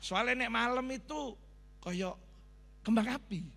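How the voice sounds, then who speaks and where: A middle-aged man with a Javanese accent, a pastor telling a sermon story with animated sound effects and Javanese asides. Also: extremely high pitch, a little slow, gravelly. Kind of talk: sermon testimony. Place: large church hall. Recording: long reverb of a church hall.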